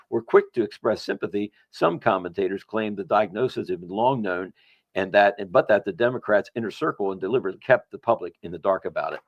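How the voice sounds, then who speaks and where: A man's voice: fairly low pitch, no echo. A male news anchor reading a report from a script. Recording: dull lo-fi broadcast clip.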